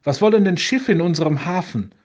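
A man's voice: high-pitched, animated, brisk, darkish tone, lo-fi sound, pitched above the performer's own voice. A man reading as a kindly determined bishop. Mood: urgent.

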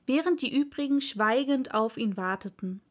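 A woman narrating a children's storybook in a calm, clearly articulated reading. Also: sits high, moderate pace. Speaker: audiobook reader.

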